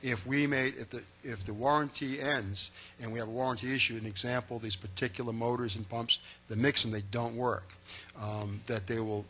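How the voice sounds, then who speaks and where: A man's voice: mid-range voice, fairly even intonation, moderate pace, few pauses, pushed and bright. A man, a town official, answering a board's questions at a public meeting in an emphatic, reassuring, formal way.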